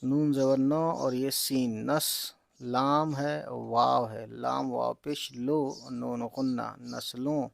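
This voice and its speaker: Slow, gravelly man spelling out letters. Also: mid-range voice, steady tone, dry recording. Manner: spells out letters and vowel marks slowly, says "theek hai" often. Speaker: Urdu reading teacher. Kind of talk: slow letter-by-letter reading lesson.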